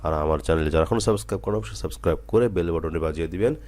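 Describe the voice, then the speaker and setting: A man teaching Quran letter reading, slowly reciting drills and then explaining with patient, earnest repetition. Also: sits low, a little mellow.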